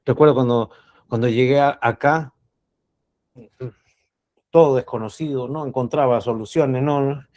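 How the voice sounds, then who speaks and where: A Cuban man with a mellow, mid-range voice speaks at a measured pace with long pauses. As a coach giving a reflective spiritual teaching talk, he speaks earnestly, repeats key words, and asks rhetorical questions.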